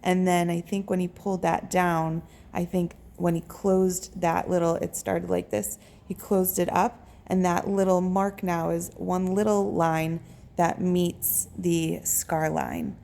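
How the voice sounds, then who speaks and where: A woman gives a casual update to camera in a lowish, mellow voice with plenty of vocal fry. She speaks haltingly, often pausing to find the next word. Faint room noise sits behind her. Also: flat delivery. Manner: halting, pauses to search for words. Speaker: patient recording a recovery vlog.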